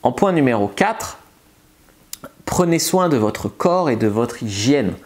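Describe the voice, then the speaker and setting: A male seduction coach gives a casual advice monologue to camera in a medium-pitched, animated voice, speaking a little slowly. He's loose and chatty, full of filler words and restarts.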